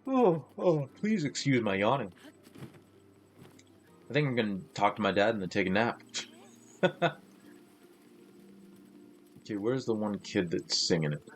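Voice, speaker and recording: A man's voice: fairly low pitch, lively intonation, unhurried, pauses often, faint music behind. A man chatting casually while he streams a game live, rambling and losing his train of thought. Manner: rambling, with many fillers and restarts. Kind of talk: casual live gaming chat.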